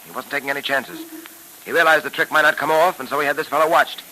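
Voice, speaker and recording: Dick Tracy in old radio style. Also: male voice, a little high, quick pace, bright, forceful tone, slight background noise, low-quality recording. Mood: reasoning. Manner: clipped, decisive orders. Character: brisk, confident male police detective. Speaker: detective lead. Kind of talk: 1940s radio drama acting.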